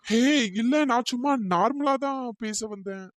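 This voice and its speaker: Performer doing a pushy young male college admirer, mid-pitched, pleading, dry close mic. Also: moderate pace, dry recording, lightly acted. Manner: pleading, apologetic, pestering. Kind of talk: cartoon voice acting.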